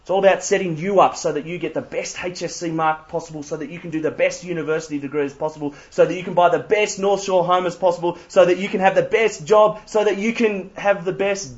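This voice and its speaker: A man's voice: high-pitched, steady tone, fast talker, few pauses. A young Australian man giving an interactive church talk, quizzing the audience with playful asides. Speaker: youth speaker. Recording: slightly muffled lo-fi recording.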